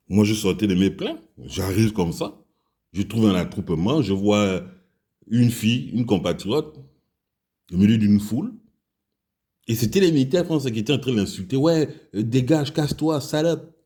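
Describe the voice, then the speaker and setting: A man's voice: lowish voice, animated, normal speed, pauses often, dark tone, slightly rough. A man from Gabon with a Gabonese French accent, telling an angry, crude personal story and speaking out against the country's leaders. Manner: heated, crude, repetitive storytelling. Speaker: commentator.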